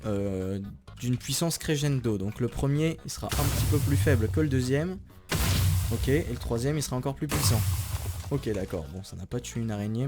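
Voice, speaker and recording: A young man giving chatty, excitable commentary while playing a video game and talking to his viewers. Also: mid-range voice. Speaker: gaming YouTuber. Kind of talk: casual Minecraft let's play commentary. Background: background music.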